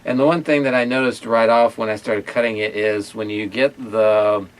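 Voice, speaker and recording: A man hosting a casual food tasting video, talking in a halting way with many pauses and fillers. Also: on the low side, fairly even intonation, clear, resonant tone. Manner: hesitant, many fillers and restarts. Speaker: ministry owner and host. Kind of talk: casual chat and taste test.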